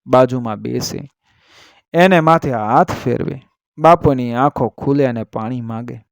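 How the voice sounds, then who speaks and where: A man narrating an emotional village story in a measured, earnest storytelling manner. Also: medium pitch, a little mellow, no echo, studio quality.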